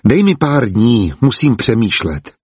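A man's voice: mid-range voice, big pitch swings, a little mellow, husky, dry recording. A man reading the lines of a shrewd, practical woman who answers curtly and matter-of-factly. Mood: dry, curt. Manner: terse, matter-of-fact.

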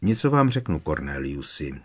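A stern, wise old headmaster, as a man voices him in an audiobook, measured and cold in his firmness. The voice is low and husky. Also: big pitch swings, heavily acted. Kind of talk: audiobook character reading.

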